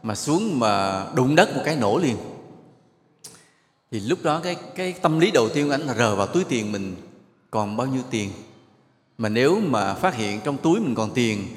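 A male monk delivers a sermon before a live audience, telling stories and drawing the crowd in with questions and gentle jokes. His voice sits at an ordinary middle pitch. The sound is roomy, with a long reverb trailing off through a large hall. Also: sing-song, normal speed. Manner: storytelling, asks the audience questions and jokes with them. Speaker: monk giving a dharma talk.

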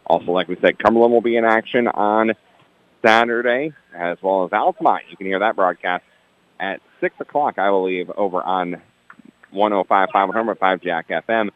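A man calling a local basketball game on the radio, reading scores and station promotions in a steady, dense announcer delivery with a broadcast sound. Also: on the low side, normal speed, no room sound, narrow, tinny audio.

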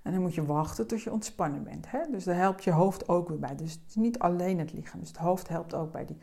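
A woman speaking as a coach, explaining slowly and gently in a calm, deliberate way. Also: on the low side, creaky.

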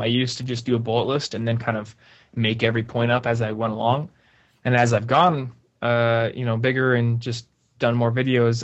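A man talks as a guest in a casual podcast interview. He explains things step by step and fills his talk with "like". The recording sounds somewhat dull and lo-fi. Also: mid-range voice. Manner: chatty, explains step by step with many "like" fillers. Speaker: guest, YouTuber.

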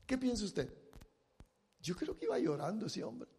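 A man's voice: high voice, sing-song, normal speed, vocal fry, breathy edge. Dramatic preacher man in a reverberant hall. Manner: dramatic, acts out the blind man's shouted pleas. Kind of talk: sermon.

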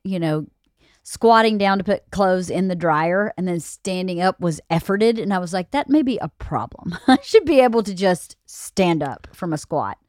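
A woman in her late forties co-hosts a podcast, talking in a casual, intimate way that's candid, reassuring and reflective. Her lowish, darkish voice is expressive and moves at a normal speed. The studio-quality recording has no room sound.

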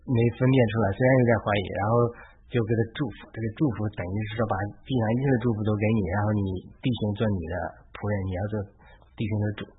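A man preaches in a quick, informal storytelling way and slips into the voices of the people in the tale. His voice comes through thin and tinny, like a phone line, with a faint hiss underneath. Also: lowish voice, steady tone. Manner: informal storytelling, acts out quotes. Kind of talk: sermon retelling a scripture story.

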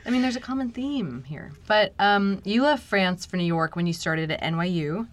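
A woman's voice: medium pitch, animated, moderate pace, no room sound. Encouraging woman podcast host. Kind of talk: interview questions.

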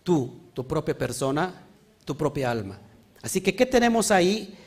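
Male preacher, high voice, animated delivery, checks in with the congregation often. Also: normal speed, slightly rough. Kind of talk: sermon teaching.

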